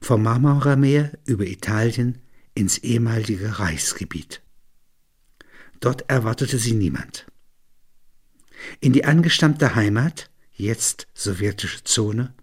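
Reading literary prose, a man with a husky, medium-pitched voice narrates in a measured, reflective way. He seems to be thinking the material through as he goes, mixing narration with reflective talk.

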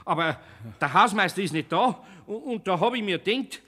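A stammering Bavarian carpenter. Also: male voice, high-pitched, expressive, normal speed, bright, forceful tone, long reverb tail. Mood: flustered. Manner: stammering, flustered. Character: flustered older master carpenter, stammering. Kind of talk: radio play acting.

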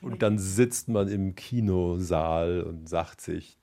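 A man's voice: low-pitched, takes it slowly, dark tone. A man hosting a radio interview, asking polished questions and reading scripted links from a studio.

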